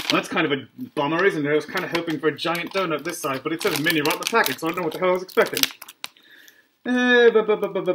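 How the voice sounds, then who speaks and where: Joking snack reviewer through a costume mask. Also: medium pitch. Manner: jokey, rambling, self-mocking asides. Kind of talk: casual food review vlog. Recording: clear background noise.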